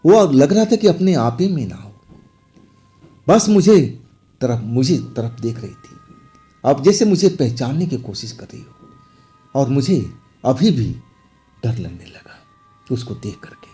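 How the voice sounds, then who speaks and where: A man narrating a first-person horror story, dramatic and often dropping to hushed tones. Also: medium pitch, sing-song, measured pace. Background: faint background music.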